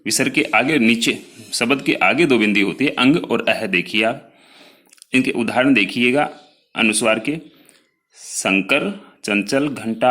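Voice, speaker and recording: A man teaching a lesson, explaining slowly, sounding out each letter one by one and talking straight to his students about his written notes. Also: mid-range voice, sharp tone. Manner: addresses students directly, pointing to written notes. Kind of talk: classroom lecture.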